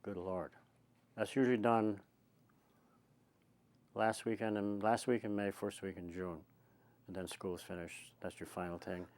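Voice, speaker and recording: Older irish guy, kinda low voice, chatty rambling reminiscing in an oral history interview. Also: flat delivery, measured pace, long pauses, darkish tone. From Ireland. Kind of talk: conversational reminiscence.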